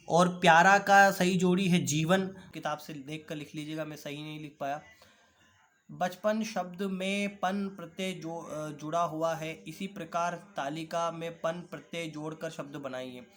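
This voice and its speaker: A man teaching an online class, slowly reading out and explaining textbook answers. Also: fairly high pitch, steady tone, fairly bright tone. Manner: carefully repeats words for pronunciation drill.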